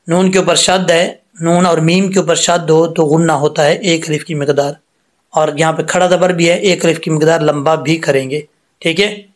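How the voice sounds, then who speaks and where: A man teaching Quran recitation rules step by step, explaining patiently and reciting each word slowly with drawn-out vowels. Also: a little high. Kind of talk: step-by-step tajweed lesson.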